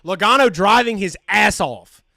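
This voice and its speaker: Excitable, high-voiced male race streamer. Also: normal speed, gravelly, no echo, clean studio sound. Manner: excitable, profane, jokey. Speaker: live stream host. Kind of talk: live race commentary.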